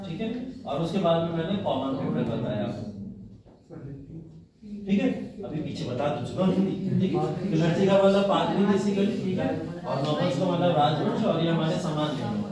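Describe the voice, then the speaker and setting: A man teaching a history class, asking his students questions and answering them himself. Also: a little high. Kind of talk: classroom lecture. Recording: very echoey room, mic far off.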